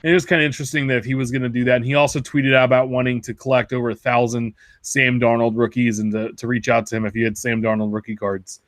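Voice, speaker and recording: A man's voice: medium pitch, flat delivery, fast, hardly any pauses, fairly bright tone, no room sound. A man co-hosting a casual podcast chat, rambling and correcting himself as he tells stories and jokes. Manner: rambling, self-correcting, jokey. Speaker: podcast co-host.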